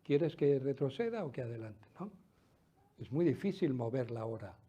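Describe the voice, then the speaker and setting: A middle-aged man preaching a sermon, swinging loud exclamations to hushed, almost whispered asides. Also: medium pitch, moderate pace, breathy edge, muffled recording. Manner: lively preaching with sudden drops to near-whisper. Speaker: pastor.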